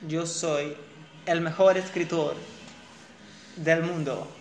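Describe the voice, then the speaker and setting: A young Chilean man playing a boastful, touchy dead playwright who speaks slowly and self-importantly. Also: on the high side, steady tone. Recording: roomy echo, music behind.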